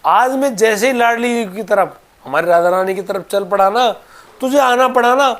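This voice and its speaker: A man's voice: sits high, moderate pace, fairly bright tone, voice pushed up. A man voicing a stubborn, devoted old male ascetic who scolds in rustic speech. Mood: pleading.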